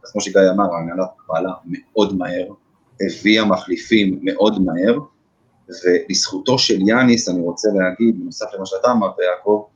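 A man's voice: low-pitched, fairly even intonation. A man hosting a casual sports podcast, hesitant with many fillers as he steers the discussion. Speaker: podcast host. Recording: dull lo-fi audio.

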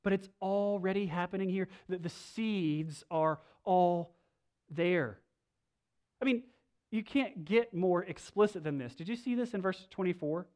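A Bible teacher walks through a passage in a study lesson. The delivery is animated and full of rhetorical questions. Key words come out loud and emphatic, and side remarks drop to a near murmur. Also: medium pitch, a little slow. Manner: swings between loud emphasis and quiet asides.

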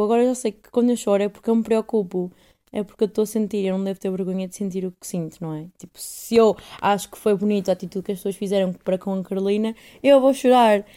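A woman's voice: medium pitch, dark tone, clean tone. A woman in her twenties with a European Portuguese accent, hosting a solo podcast in a rambling, self-deprecating casual monologue. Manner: rambling and self-deprecating, heavy use of fillers. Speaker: podcast host.

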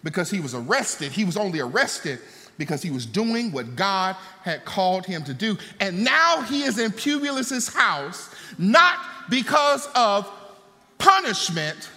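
A man's voice: high-pitched, sing-song, a little slow, bright, forceful tone. A man preaching a sermon, mixing fervent preaching with folksy asides to the congregation. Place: church sanctuary. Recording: long hall reverb, faint music.

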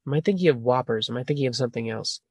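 A man's voice: medium pitch, racing, a little mellow, breathy edge, no echo. Rambling man hosting a casual podcast. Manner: rambling, laughing, self-correcting. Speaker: podcast host asking questions.

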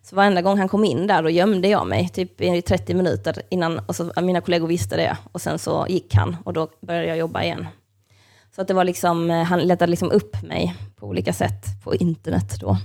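A woman's voice: lowish voice, gravelly. A young woman hosting a podcast, telling personal stories casually, swearing freely and acting out what other people said, with lots of filler words. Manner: animated storyteller, swears freely, acts out other people's lines; heavy use of fillers like "like" and "kind of". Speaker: podcast host.

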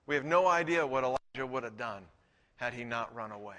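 A man's voice: mid-range voice, expressive, a little fast, pushed and bright, in a large hall. A middle-aged man preaching a sermon as pastor, in a conversational way with frequent restarts.

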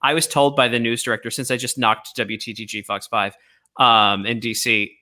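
A man's voice: mid-range voice, little pitch movement, normal speed, pushed and bright. A man hosting a casual remote conversation, a comedian who teases his guest and tells stories. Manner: teasing, storytelling. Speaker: host, comedian.

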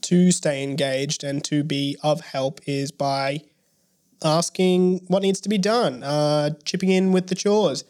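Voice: medium pitch, fairly even intonation, slow, a little mellow, clear, resonant tone. Young early childhood educator, joking and hesitant. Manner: hesitant, with many restarts and wry jokes. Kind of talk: casual podcast conversation.

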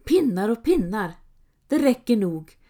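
A woman doing a shrill crude robber. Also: lightly acted. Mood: shrill excited. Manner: shrill, loud exclaiming. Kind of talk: audiobook reading.

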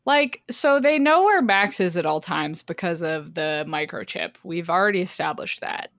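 A woman's voice: on the low side, lively intonation, moderate pace, a bit bright, dry recording, clean studio sound. A woman hosting a casual book-club podcast, chatty and often breaking into laughter mid-sentence. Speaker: podcast host.

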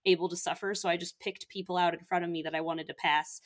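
A young woman co-hosts a casual podcast and talks in a chatty, bubbly way, full of animated asides. Her voice sits slightly low. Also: fast. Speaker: podcast co-host. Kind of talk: casual chat.

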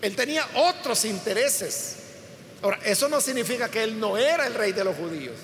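A man preaching on a Bible passage explains it step by step and acts out the quoted lines with emphasis, his high-pitched voice animated, brisk, and a bit bright. Hall reverb and faint room noise are present in the recording.

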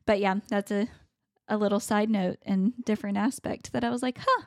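A woman's voice: mid-range voice, steady tone, brisk, a little mellow, no room sound. Chatty woman co-host, dry sound. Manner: conversational, explains at length with fillers. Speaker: podcast co-host, preschool owner. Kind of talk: casual business chat.

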